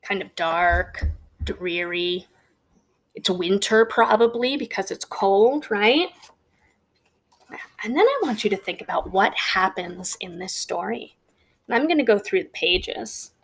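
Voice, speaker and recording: The audio is poor, but you can hear a woman with a mid-range voice leading children through a storybook. She acts as a teacher during the read-aloud, asking the kids simple questions.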